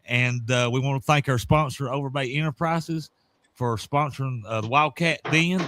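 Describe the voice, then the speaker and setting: A man's voice: mid-range voice, normal speed, a bit bright, slight background noise. A man hosting a casual sports podcast, talking in a folksy, rambling way with lots of fillers. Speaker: podcast host.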